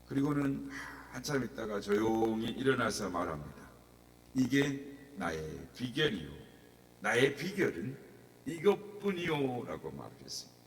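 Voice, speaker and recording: A man's voice: mid-range voice, a bit bright. A male pastor preaching a sermon in a church and telling stories dramatically, acting out the voices. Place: church sanctuary. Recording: echoey church hall, mic at a distance, faint hum.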